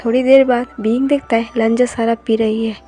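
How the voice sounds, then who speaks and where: A woman narrating a fan fiction love story in an even, steady reading voice. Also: fairly high pitch, fairly quick. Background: faint background music.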